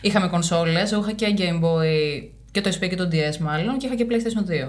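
A co-host chatting casually on a podcast with a Greek accent, eagerly explaining old board games in detail. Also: mid-range voice. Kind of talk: casual chat.

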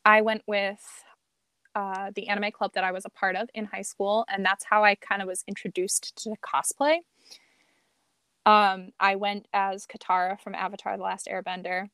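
A woman's voice: mid-range voice, level tone, moderate pace, fairly bright tone, smooth, dry recording. A woman talking casually as a podcast guest, telling anecdotes in an earnest, conversational way. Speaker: podcast guest, amateur performer and cosplayer. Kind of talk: casual chat.

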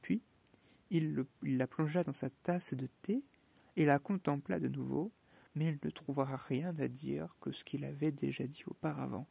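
A man narrating a storybook in a steady, measured reading. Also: a little high, gravelly, breathy edge, dry recording. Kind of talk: audiobook narration.

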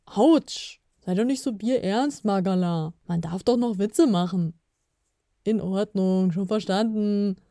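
A woman voicing a male elf who teases and jokes loudly, in a storybook reading. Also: medium pitch, slow pace, no echo, studio quality. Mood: teasing. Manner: teasing, loud. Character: mocking joking male elf.

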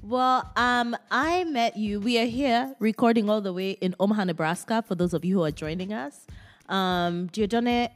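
Expressive woman hosting over light music. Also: mid-range voice, moderate pace. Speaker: show host. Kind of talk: chatty conversational interview.

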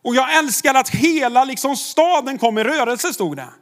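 High-voiced man preaching conversationally. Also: expressive, fairly bright tone. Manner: conversational preaching with rhetorical questions and light laughs. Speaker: pastor. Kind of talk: sermon.

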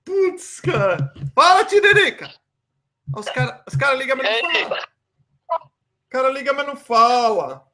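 Brazilian guy hosting a live call-in, high bright voice, jokey and teasing. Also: lively intonation, moderate pace, long pauses. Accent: Brazilian Portuguese. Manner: joking, teasing, informal. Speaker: host of a live call-in show. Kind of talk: casual live call-in chat. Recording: call audio from phone.

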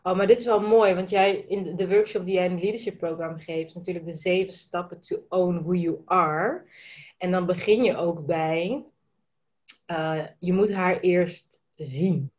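A woman's voice: on the low side, normal speed, a little mellow. A woman hosting a casual podcast conversation, enthusiastic and mixing in English phrases as she talks. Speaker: podcast host. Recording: dull lo-fi sound.

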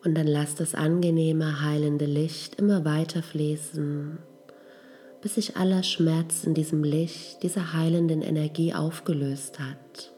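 Slow, low, soft-voiced woman guiding meditation. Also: level tone. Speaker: guided meditation leader. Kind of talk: guided healing meditation, slow and soothing. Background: music.

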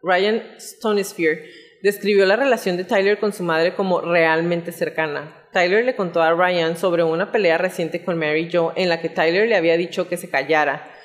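Woman, podcast host, true crime storytelling, lower voice, long reverb. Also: normal speed. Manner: reads out chat messages in a relaxed narrating tone.

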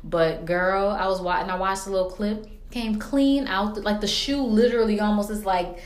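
A woman's voice: medium pitch, normal speed. A woman hosting a casual chat in a colloquial, rambling, quippy way. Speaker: podcast host. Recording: roomy echo.

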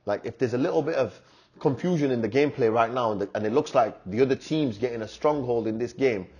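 A man's voice: medium pitch, quick pace, mellow, slightly rough, muffled recording. A man, co-hosting a casual football podcast with teasing, slangy banter.

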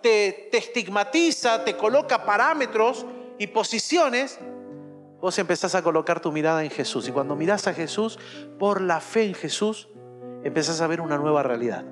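Argentine pastor preaching over piano. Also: male voice, sits high, expressive, normal speed, in a large hall. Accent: Rioplatense Spanish. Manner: impassioned preaching, mimics a whining child. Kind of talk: sermon.

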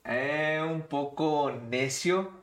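A man's voice: fairly high pitch, very slow, fairly bright tone, roomy sound. A man with a Mexican Spanish accent joking in slang in a casual chat. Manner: slangy, teasing.

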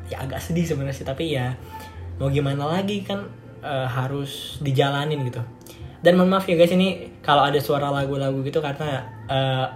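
Rambling and laughing often, a teen podcast host fills his solo show with fillers and restarts. His voice is medium-pitched, darkish and slightly hoarse, caught on a home recording setup in an echoey room where music plays and faint noise lingers.

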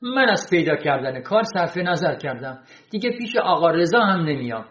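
A man voicing an impatient gentleman looking for work, curt and fed up. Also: on the high side, very animated. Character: impatient job-seeking gentleman. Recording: roomy, dull sound.

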